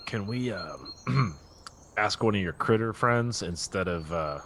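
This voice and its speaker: A man playing a tabletop game, talking in a wry, dry way and often clearing his throat. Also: on the low side, lively intonation, slow, fairly bright tone, slight background noise. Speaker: player. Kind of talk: casual tabletop game chat.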